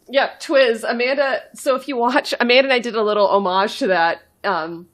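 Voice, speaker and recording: Woman streamer, giggly, lively pitch, slightly high voice, casual gameplay chat. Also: moderate pace. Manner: giggly, swears freely. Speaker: let's play streamer.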